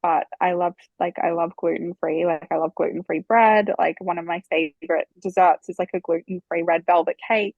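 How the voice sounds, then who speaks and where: A woman's voice: on the low side, steady tone, normal speed, vocal fry, hardly any pauses, no room sound, narrow, tinny audio. A woman guest in a casual podcast chat, gushing and bubbly and laughing often. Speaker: podcast guest, business founder.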